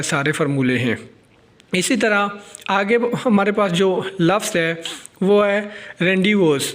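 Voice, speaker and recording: A man with a Pakistani accent teaches, and his voice sits high. He goes patiently from one word to the next and says the English lines slowly and clearly. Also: a bit bright. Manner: explains each word step by step, reads out the English lines slowly. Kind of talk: explaining a lesson on a recording.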